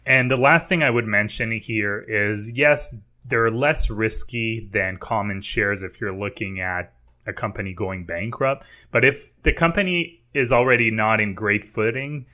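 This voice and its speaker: A man's voice: fairly low pitch, unhurried, pushed and bright. A man with a French Canadian accent, co-hosting an investing podcast and explaining things in a casual, chatty way with fillers and restarts. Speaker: podcast co-host.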